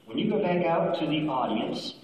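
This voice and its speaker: A man working as a stage hypnotist, giving slow, repetitive suggestions to volunteers in a school gym, sometimes shouting playful lines for them to repeat. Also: on the high side, expressive, noisy background. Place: school gym with a live audience. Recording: distant echoey gym recording, muffled, with a loud crowd.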